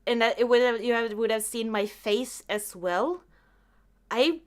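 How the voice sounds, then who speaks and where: A woman hosts a podcast in a relaxed, chatty way, her voice slightly high and her pace unhurried. She tells stories with lots of animation, acting out how she reacted as she goes.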